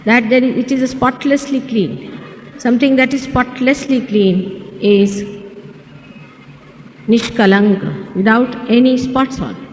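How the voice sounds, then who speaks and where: An old archival recording of a woman giving a spiritual lecture. She speaks very slowly and carefully, explaining each word. Her voice rings through a large, echoey hall under a faint hiss. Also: fairly high pitch. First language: not English. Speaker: spiritual teacher. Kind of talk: slow spiritual lecture to an audience.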